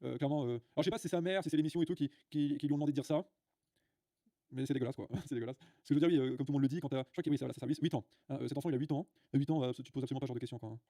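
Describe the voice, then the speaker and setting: A man's voice: a little high, rapid-fire, few pauses, warm tone, no echo, clean studio sound. A man hosting a livestream, ranting bluntly to his viewers with many filler sounds and restarts. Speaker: livestream host. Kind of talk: casual livestream rant.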